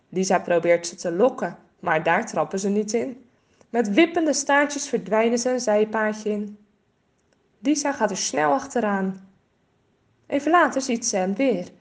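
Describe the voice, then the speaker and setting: Gentle woman reading a children's story. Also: on the high side. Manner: gentle, expressive, varied.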